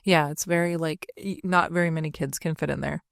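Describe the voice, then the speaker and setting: A woman's voice: sits low, steady tone, fairly quick, gravelly, dry recording, studio quality. A woman in her thirties co-hosting a podcast in casual chat, talking chattily with lots of "like". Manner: chatty, peppered with "like". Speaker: podcast co-host.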